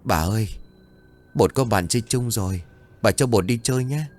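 A man's voice: lowish voice, moderate pace, darkish tone, faint music behind, lightly acted. A man voicing a small village boy who eagerly begs his grandmother to let him play.

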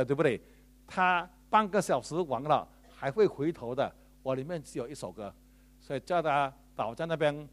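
A male pastor preaching a sermon, telling stories in a chatty way and leading the congregation in slow, shouted declarations. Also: mid-range voice. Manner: storytelling in a chatty, lively way. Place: church.

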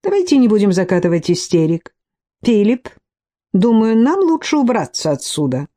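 Cold contemptuous young lady, voiced by a woman narrator; storybook, dark warm tone. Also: medium pitch, big pitch swings, moderate pace, voice pushed up. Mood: scornful. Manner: scornful, haughty.

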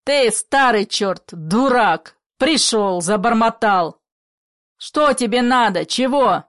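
A woman voicing an old father who shouts in bitter anger, in a play reading. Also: medium pitch, slow, dry recording, clean studio sound, close to an everyday voice. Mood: angry. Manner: furious shouting.

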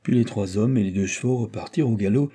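A man narrating a classic novel as an audiobook, measured and steady. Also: on the low side, slightly rough.

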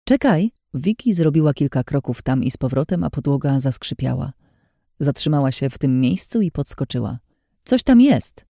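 A woman narrating a first-person fantasy audiobook in a measured, calm reading, on a close studio mic. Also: rumbling low, creaky, dry recording.

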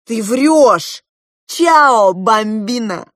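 A woman's voice: medium pitch, expressive, normal speed, no echo, studio quality, natural voice. A woman voicing a haughty, cruel elder prince who mocks and commands in a storybook reading. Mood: taunting. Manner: mocking, commanding.

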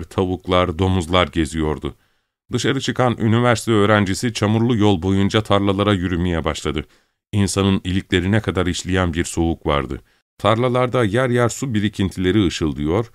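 Low-voiced man narrating a story. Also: dry recording, clean studio sound. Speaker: audiobook reader.

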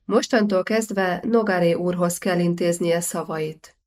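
A woman's voice: fairly low pitch, steady tone, a little mellow, close to an everyday voice. A woman voicing a stern, cold, aging medieval king who gives commands. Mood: commanding.

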